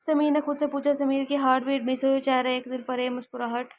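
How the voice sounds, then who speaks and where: A woman's voice: sits high, flat delivery, a little fast, slight background noise. A woman reading a romance novel aloud as an audio story, giving all the characters her own voice, with frequent slips and self-corrections.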